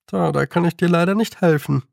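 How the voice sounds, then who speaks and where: A man's voice: sits high, a little fast, gravelly, no room sound, clean studio sound, pitched above the performer's own voice. A man voicing a polite, pedantic male toad who talks like a lawyer, in an audiobook. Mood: fussy. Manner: prim, apologetic, pedantic.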